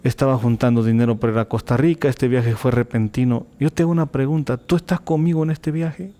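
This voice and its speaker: A man's voice: medium pitch, steady tone, fairly quick, mellow. A man telling a personal faith testimony as an interview guest, acting out the dialogue vividly.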